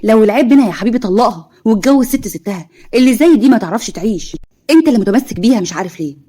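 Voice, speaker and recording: A woman's voice: a little high, lively intonation, rapid-fire, mellow, husky. A woman voicing a blunt, scolding older Egyptian mother-in-law. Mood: scheming.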